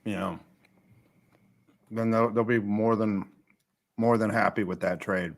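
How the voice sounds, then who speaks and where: A man's voice: lowish voice, fairly even intonation, a little slow, vocal fry. A streamer who talks in a laid-back, joking way while he eats. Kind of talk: casual live-stream chat.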